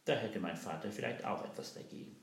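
A man's voice: lowish voice, quick pace, vocal fry, roomy sound, voice pushed up. A man voicing a young prince who makes wry remarks.

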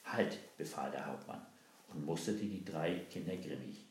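Deep, gravelly male storyteller. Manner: measured, lively character voicing. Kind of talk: reading a story aloud. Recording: roomy echo.

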